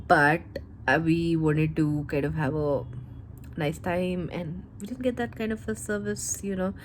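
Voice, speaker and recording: A woman's voice: on the low side, a little mellow, slight background noise, rough recording. Woman vlogger with a South Indian accent. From Mysore, South India. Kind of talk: casual chatty hotel-room vlog, code-switching. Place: hotel room.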